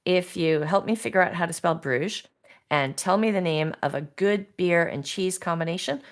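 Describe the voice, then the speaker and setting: A woman's voice: lowish voice, normal speed. A woman hosting a podcast, asking questions and closing the episode in a friendly way with some fillers. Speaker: podcast host.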